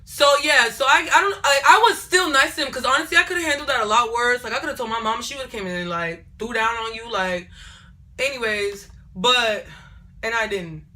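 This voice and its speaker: Bright-voiced animated young woman vlogger. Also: fairly high pitch, moderate pace. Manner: animated, digressive, repeats herself. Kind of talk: casual storytime chat.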